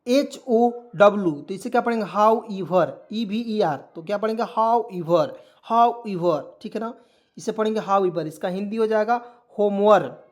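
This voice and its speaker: A man's voice: high voice, moderate pace. A man teaching a step-by-step spelling lesson, putting questions to his viewers and answering them himself, addressing them as friends. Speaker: English teacher.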